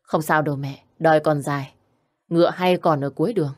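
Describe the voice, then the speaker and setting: A woman's voice: low voice, steady tone, fairly quick. Woman reading a bitter, vengeful young man. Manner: bitter, vowing revenge.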